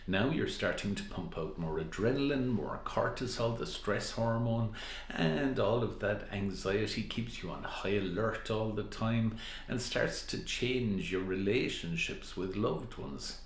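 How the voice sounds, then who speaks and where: Man, hypnotherapist, slow hypnotist delivery, measured, explanatory, echoey room. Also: fairly low pitch. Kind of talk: explanatory talk to listeners. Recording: roomy, echoing sound.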